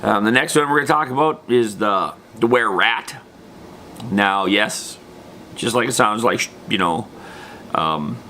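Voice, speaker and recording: A man with a fairly low pitch and a sharp tone hosts a tabletop gaming video series. His explainer is casual and unscripted, slangy, and prone to trailing off into asides, while faint background noise sits under the recording.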